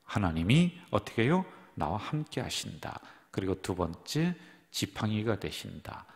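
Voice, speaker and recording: Low-voiced pastor preaching in a hall. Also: male voice, sing-song, a little slow, creaky. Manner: addresses the congregation directly, asks and answers his own questions. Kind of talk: sermon. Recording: long reverb of a church hall.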